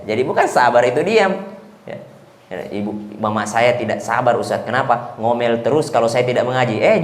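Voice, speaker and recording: Preacher, male, bit high voice, lively sermon style, roomy mosque echo. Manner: lively, chants Arabic verses, asks the congregation questions. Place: mosque hall. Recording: echoey mosque hall.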